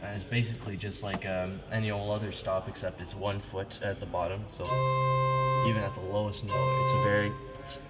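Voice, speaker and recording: A man's voice: fairly low pitch, flat delivery, a little fast. A man casually demonstrating church organ stops at the console, talking informally with many restarts and fillers. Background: loud pipe organ playing.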